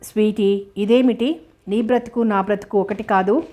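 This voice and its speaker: A woman voicing a playful, affectionate young man who teases the heroine, reading in a flat, level tone. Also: mid-range voice, moderate pace, close to an everyday voice. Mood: teasing. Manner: playful, teasing.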